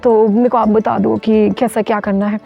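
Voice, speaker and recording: A woman's voice: mid-range voice, little pitch movement, normal speed, vocal fry. Woman from india, mountaineer in an interview, urgent storytelling, faint music behind on a muffled track. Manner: vivid, urgent retelling with many restarts. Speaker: mountaineer guest. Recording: dull lo-fi sound with faint music.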